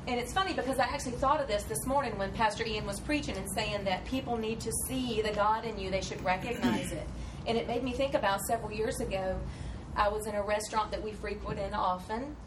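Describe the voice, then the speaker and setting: A woman's voice: medium pitch, fast talker, hardly any pauses. A woman sharing a faith story with a church group, earnest and cheerful. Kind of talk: casual testimony. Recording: distant voice with background noise.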